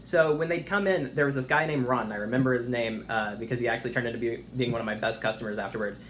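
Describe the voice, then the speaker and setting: A man's voice: mid-range voice, quick pace, a bit bright. A young man answering job interview questions in an eager, chatty, polite and informal way. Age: young adult. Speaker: internship applicant being interviewed. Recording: faint noise, phone interview on speaker.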